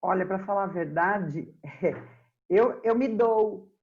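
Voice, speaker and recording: A middle-aged woman, a historian being interviewed, speaking slowly and earnestly in a relaxed, reflective way. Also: mid-range voice, phone-quality sound. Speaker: historian guest. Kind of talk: casual interview chat.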